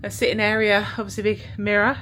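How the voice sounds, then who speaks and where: A British woman talks fast in a medium-pitched, level, slightly bright voice as she vlogs from a cruise ship. This travel vlogger's casual chat is rambling and full of fillers, with clear background music and a little hiss or hum.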